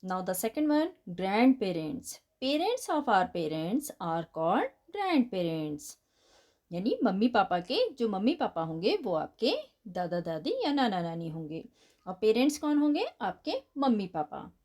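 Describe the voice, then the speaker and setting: Lively Indian woman teacher spelling words aloud. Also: medium pitch, takes it slowly. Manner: addresses children affectionately as 'beta'. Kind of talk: bilingual classroom lesson explaining answers.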